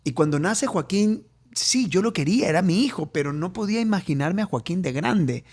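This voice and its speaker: A middle-aged Ecuadorian man speaks as a guest on an interview show, with a gravelly, raspy texture. His voice sits a little high for a man. He tells a personal story and keeps repeating phrases for emphasis. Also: expressive, normal speed, darkish tone. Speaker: guest, coach and author.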